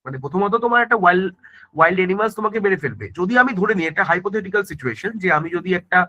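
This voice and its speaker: A male teacher talks the class through exam prep, his voice high-pitched and ringing bright. he keeps checking that everyone follows, throws in tag questions and often stops to restart a word. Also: lively intonation, very fast, highs cut off. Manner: frequent self-corrections and restarts. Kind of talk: online exam-prep grammar lesson.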